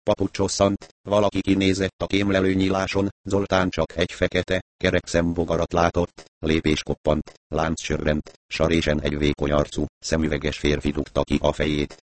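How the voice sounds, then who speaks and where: A man narrating an audiobook in a steady, measured reading. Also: sits low, no echo.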